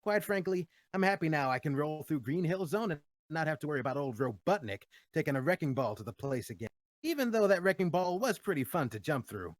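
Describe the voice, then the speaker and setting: A man's voice: a little high, animated, a little fast, dry recording, lightly acted. A man voicing a cocky, upbeat hero hedgehog, breezy and quippy, in a fan Q&A. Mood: wry, cocky. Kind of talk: in-character fan Q&A.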